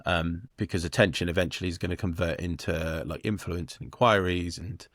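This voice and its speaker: Man, British accent, lowish voice, upbeat teasing podcast host, very dry sound. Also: steady tone, brisk, a bit bright, dry recording. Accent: British English. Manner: upbeat, teasing, asks questions. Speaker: podcast co-host, wedding photographer. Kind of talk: casual podcast chat.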